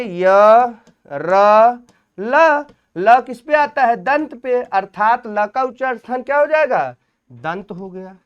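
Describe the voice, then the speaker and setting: A Hindi grammar teacher with a medium-pitched, clean voice gives an exam-prep lecture, asking questions aloud, answering them, and repeating every point. The recording is dull and lo-fi.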